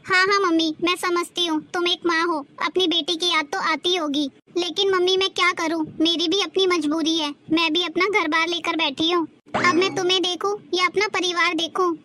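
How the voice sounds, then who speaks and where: Girl as a whiny married daughter, super high bright voice, talks nonstop. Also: steady tone, normal speed. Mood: complaining. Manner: complaining, talkative. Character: married daughter visiting her mother. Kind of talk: family drama skit.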